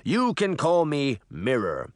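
Man voicing a boastful magic mirror, pompous, higher voice, swooping delivery, dry sound. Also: wildly swooping pitch, takes it slowly, no room sound, full character voice. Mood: theatrical. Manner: pompous, showy bragging. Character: vain, theatrical male magic mirror face.

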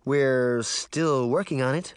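A man's voice: medium pitch, slow, smooth, no room sound, clean studio sound, natural voice. A man voicing an impatient, stubborn girl who is the older sister. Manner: curt, impatient.

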